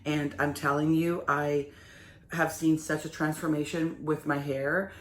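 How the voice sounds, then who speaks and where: A woman's voice: deep voice, level tone, unhurried. Chatty hairdresser woman with a slight lisp. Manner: chatty, addresses viewers as you guys. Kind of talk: hair care tutorial vlog. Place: salon shampoo bowl area. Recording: roomy echo, faint background noise.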